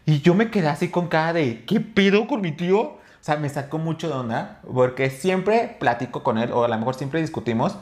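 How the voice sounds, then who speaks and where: A man's voice: on the high side, lively intonation, brisk, hardly any pauses, a little mellow. A young man with a Mexican accent, co-hosting a podcast and telling stories in a rambling way, full of fillers and restarts. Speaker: podcast co-host. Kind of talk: casual chat.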